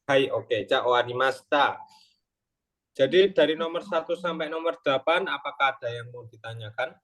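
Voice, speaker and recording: A man's voice: medium pitch, normal speed, fairly bright tone. A young man tutoring an online class, explaining grammar patiently step by step and checking in with short tag questions. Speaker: Japanese tutor. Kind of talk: online Japanese lesson explained in Indonesian.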